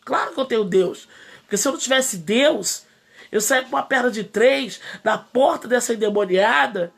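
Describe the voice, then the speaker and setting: A woman pastor in her thirties with a Brazilian accent preaches with fiery indignation. Her voice sits a bit high, with a gravelly, husky edge. She builds her sermon in rising bursts. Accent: Brazilian Portuguese. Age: 30s. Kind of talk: impassioned sermon.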